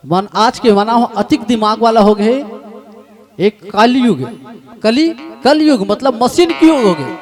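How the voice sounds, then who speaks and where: A man with a Chhattisgarhi accent preaching a devotional sermon in story form, emotional and rising to impassioned outcries. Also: extremely high pitch. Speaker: Ramayana preacher.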